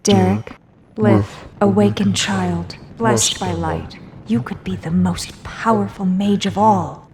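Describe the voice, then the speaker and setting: A woman voicing a slow, hushed, ominous book spirit. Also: mid-range voice, steady tone, a little hiss or hum, lightly acted. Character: mysterious disembodied voice from an ancient book. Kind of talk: audio drama acting.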